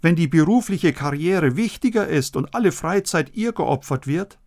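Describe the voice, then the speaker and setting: A man giving a scripted radio sermon, earnest and measured, speaking straight to the listeners. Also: on the high side, expressive, darkish tone. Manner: earnest, measured preaching, addressing listeners directly. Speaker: radio preacher.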